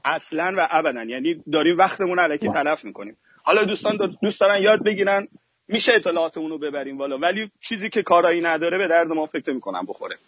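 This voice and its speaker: A man's voice: on the high side, lively intonation, breathy edge, dry recording. A man from Iran calling in to a talk show, arguing hard and telling stories to make his point. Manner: argumentative, tells stories fast. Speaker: caller. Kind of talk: heated call-in chat. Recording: dull dry call-in audio.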